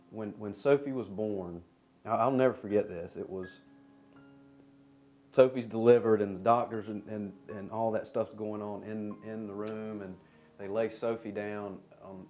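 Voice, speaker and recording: A man sharing an earnest personal testimony, halting and restarting as he goes. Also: lowish voice, steady tone, a little mellow, faint music behind.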